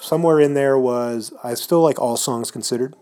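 A man co-hosting a podcast in animated casual chat, jumping in often, recorded in an echoey office. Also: mid-range voice, moderate pace. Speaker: podcast co-host. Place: office, indoors.

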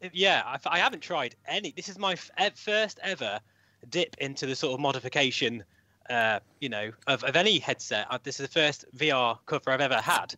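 A man guesting on a casual tech podcast, animated and laughing easily. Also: medium pitch, brisk, no room sound. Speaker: guest co-host.

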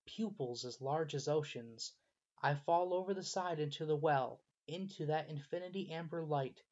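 A man narrating a first-person fantasy story in a steady, measured storytelling manner, slightly muffled recording. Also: on the high side.

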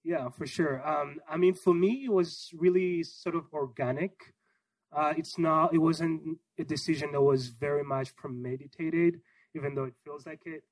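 Relaxed man with a dry close sound. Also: a little high, moderate pace, no room sound, rough recording. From Congo, raised in Israel. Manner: relaxed, rambling with many fillers. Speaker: gallery owner guest. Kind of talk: casual interview answer.

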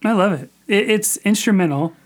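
A man co-hosts a casual film podcast, talking in long, animated runs. He loops back, restarts his sentences, and piles on fillers as his thoughts tumble out. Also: high-pitched, normal speed. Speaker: podcast co-host. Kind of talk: casual chat about films.

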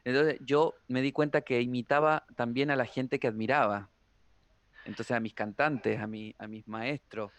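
Man, guest tarot reader, lively storyteller, dry close sound. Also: medium pitch, moderate pace, no room sound. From Argentina. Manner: animated storyteller, playful, slips into impressions. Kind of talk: casual interview chat.

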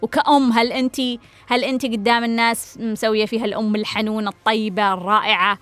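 A woman's voice: fairly high pitch, flat delivery, fast, a bit bright, no room sound, soft background music. A woman giving earnest family advice, repeating phrases for emphasis and putting direct questions to her listeners. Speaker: family counselor. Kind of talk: advice talk on a family case.

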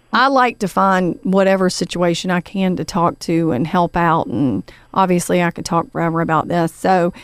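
A woman's voice: lowish voice, smooth, no echo. A woman hosting a podcast, telling a story in a casual, chatty way with lots of fillers and the odd "honey" for her guest. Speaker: podcast host.

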